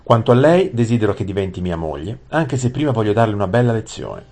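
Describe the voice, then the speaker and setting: A man voicing a hot-tempered young prince who shouts and rants. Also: lowish voice, very animated, quick pace, slightly rough, voice pushed up, heavily acted. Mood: furious. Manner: shouting, ranting.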